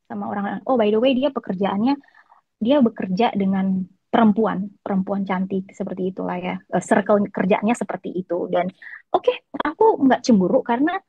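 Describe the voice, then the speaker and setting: A woman's voice: mid-range voice, breathy edge, no room sound, lo-fi sound. A woman guest on a podcast, earnestly telling a personal story in a rambling way with many fillers. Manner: earnest, rambling, full of fillers, often quotes others. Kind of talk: candid personal storytelling in conversation.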